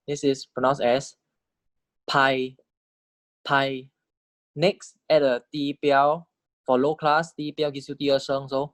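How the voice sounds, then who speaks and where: A man's voice: medium pitch, no echo. A man teaching Thai vowels and tones in English, who says each word several times and keeps checking with "okay?". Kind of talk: recorded language lecture.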